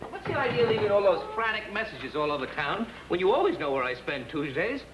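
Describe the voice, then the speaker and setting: An actor playing an egocentric middle-aged TV star, brash and theatrical in a 1960s sitcom. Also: male voice, high voice, very animated, fast. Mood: brash, indignant. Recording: live audience laughter, noisy TV audio.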